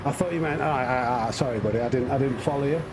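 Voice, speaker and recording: A man with a mid-range voice talks fast while streaming a sim racing game, muttering critiques of his own driving and chatting to himself and his viewers. The game's car engine noise comes through clearly behind him.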